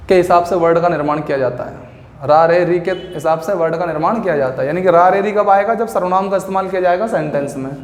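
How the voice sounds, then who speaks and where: A man teaches a grammar lesson in a fairly high voice, drilling each example word by word and quizzing with rhetorical questions. The sound rings in a roomy space with a long reverb tail. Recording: echoey room with long reverb.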